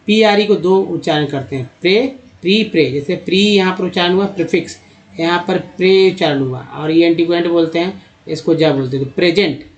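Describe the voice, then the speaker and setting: A man with a slightly high voice gives a Hindi-language phonics lesson. He spells out letter groups one after another and repeats each sound in a steady, patient way. The recording sounds dull and lo-fi. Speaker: English reading teacher.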